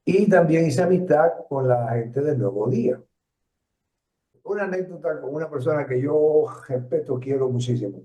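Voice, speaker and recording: A man in his seventies with a Puerto Rican Spanish accent, telling stories in an interview, reflective and halting with many fillers and restarts. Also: fairly high pitch, warm tone. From Puerto Rico. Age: 70s. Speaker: interviewee, retired journalist. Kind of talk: storytelling interview. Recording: roomy, distant, dull lo-fi sound.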